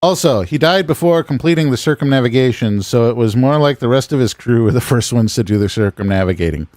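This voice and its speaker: A man's voice: medium pitch, expressive, fast talker, darkish tone, no echo, studio quality. An American man chatting casually while streaming a game, rambling and musing aloud as he plays. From United States. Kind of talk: casual gameplay chat with chat.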